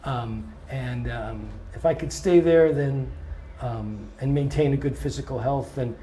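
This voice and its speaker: The voice is male, medium in pitch and scratchy, belonging to a touring blues singer-guitarist being interviewed. He answers calmly and reflectively, dropping many "um"s and restarting now and again.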